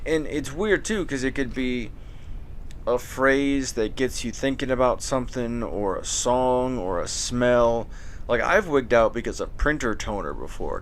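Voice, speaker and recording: A man's voice: mid-range voice, a little hiss or hum. A man hosting a casual late-night chat, rambling and joking with a profane, loose way of talking.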